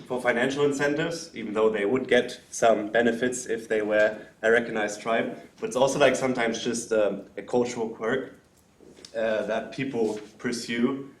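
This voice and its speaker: At a lecture, an audience member poses a long, careful question in a loud, medium-pitched voice with fairly even intonation. He hesitates a lot, filling pauses with "um" and "uh," and the hall sound is roomy and echoing.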